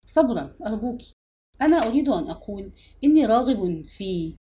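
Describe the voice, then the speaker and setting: A woman's voice: a little high, sing-song, brisk, dark tone, a little hiss or hum. A woman reading as a shy, stammering young suitor. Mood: nervous pleading. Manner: stammering, pleading. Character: shy nervous young man proposing. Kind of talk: audiobook reading.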